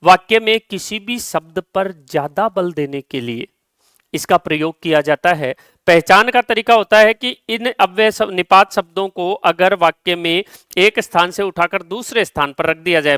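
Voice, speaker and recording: High, clear-voiced man teaching a lesson. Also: fairly bright tone, no echo, clean studio sound. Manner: explains step by step, reads example sentences slowly. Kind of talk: live exam paper solution lesson.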